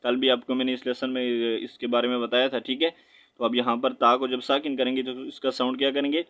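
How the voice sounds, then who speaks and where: A man with a Pakistani Urdu accent teaching Quran recitation, spelling out letters and vowel marks, then reciting slowly and drawn out, with quick low explanations. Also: flat delivery, a bit bright, muffled recording. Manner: explains quickly in a low aside, often asking "right?".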